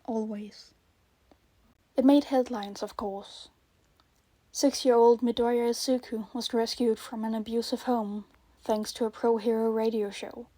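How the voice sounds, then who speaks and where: A woman reading fan fiction aloud in a soft, earnest storytelling manner. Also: a little high, fairly even intonation, moderate pace, no room sound. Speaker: podfic reader. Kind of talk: scripted narration of fan fiction.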